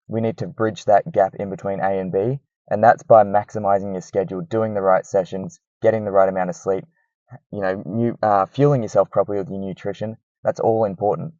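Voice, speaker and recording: A man's voice: fairly low pitch, warm tone, dry recording. A man giving casual coaching advice to listeners, informal and thinking aloud, recorded on a cheap microphone. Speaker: running coach hosting a talk. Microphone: cheap microphone, close and dry. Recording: dull, lo-fi cheap microphone sound.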